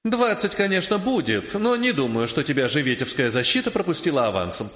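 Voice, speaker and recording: A man's voice: on the high side, very animated, brisk, fairly bright tone, echoey room, in a large hall. A man reading an audiobook, voicing a reassuring, knowing male scribe. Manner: reassuring, explanatory.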